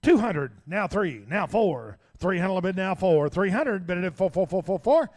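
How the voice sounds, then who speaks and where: High-pitched man chanting as an auctioneer. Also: expressive, normal speed, darkish tone. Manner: folksy, repetitive bid calling. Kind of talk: rapid auctioneer chant, repeating numbers.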